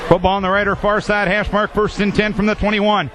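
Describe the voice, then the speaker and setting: A man's voice: high-pitched, level tone, brisk, fairly bright tone. An American man giving live football play-by-play in clipped, telegraphic phrases. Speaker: play-by-play sports announcer. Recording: clear noise behind voice.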